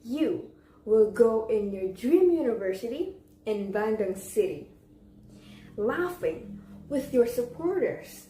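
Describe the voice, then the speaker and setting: Young woman, memorized dramatic speech, slow pace, mellow tone, roomy echo, theatrical pauses. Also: a little high, expressive. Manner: deliberate, theatrical delivery with pauses and rhetorical questions. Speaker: speech contest participant. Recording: echoey room with faint background noise.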